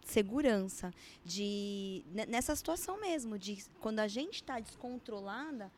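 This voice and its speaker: A woman chatting on a podcast as a mother, telling lively stories and acting out the lines. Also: mid-range voice, measured pace, slight background noise. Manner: animated storyteller, acts out quotes. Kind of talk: casual podcast chat.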